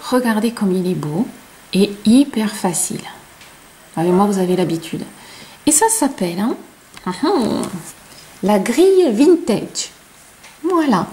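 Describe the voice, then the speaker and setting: A woman with a non-native French accent, teaching crochet step by step and counting stitches aloud in a chatty, soft-spoken way. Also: mid-range voice, sing-song, moderate pace, long pauses, slight background noise, low-quality recording. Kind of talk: slow step-by-step tutorial.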